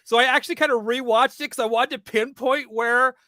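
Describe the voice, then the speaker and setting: A man's voice: extremely high pitch, steady tone, fairly quick, pushed and bright, no echo, clean studio sound. A man hosting a podcast in casual chat, upbeat and laughing often as he reads out names from the chat. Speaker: podcast host.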